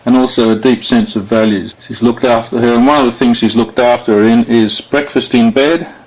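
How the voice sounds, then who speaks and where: A man's voice: medium pitch, steady tone, a little fast, darkish tone, low-quality recording. A middle-aged man giving a father of the bride speech, recorded on video for the wedding. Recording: faint background noise on home video.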